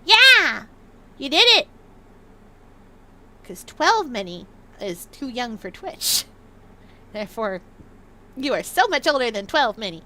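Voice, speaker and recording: A woman livestreamer chatting playfully in an excitable, bouncy way, often repeating words for emphasis. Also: fairly high pitch, slow pace, long pauses, slight background noise.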